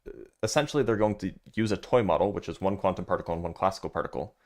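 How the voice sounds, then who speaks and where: Here a livestream host reviews a physics paper in rapid-fire fashion, his voice very low and deep. Passages read aloud give way to loose remarks to the chat, heavy on fillers, as he responds to viewers. It all stays relaxed and conversational.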